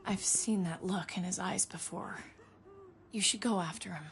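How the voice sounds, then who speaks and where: Earnest, slow-speaking survivor. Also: female voice, a little high, sing-song. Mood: subdued. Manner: earnest, imploring. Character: guilt-ridden, compassionate survivor woman, earnest and brave. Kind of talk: dramatic video game acting.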